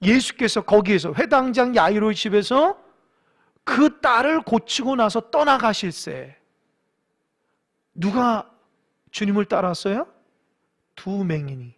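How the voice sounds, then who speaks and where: A man preaching a sermon to a congregation, telling the story with lively acted-out voices and direct appeals to the listeners. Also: high voice, a little slow, long pauses. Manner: animated storytelling, acting out voices and urging the congregation. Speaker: pastor. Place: church sanctuary.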